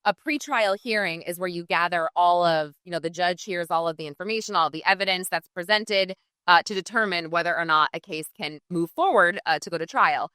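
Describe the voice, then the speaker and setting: A woman's voice: lowish voice, fairly quick, pushed and bright, clear, resonant tone, no echo. A woman, a crime reporter, telling a harrowing courtroom story as a guest on a live podcast, earnest and rambling with many restarts. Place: pizzeria before live audience.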